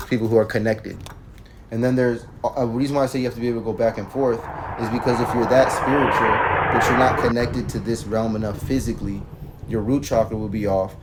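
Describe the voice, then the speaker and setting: A man's voice: mid-range voice, slight background noise. A man holds forth in a casual spiritual conversation. He lectures bluntly, drops slang like "bro", and swears freely. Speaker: podcast host.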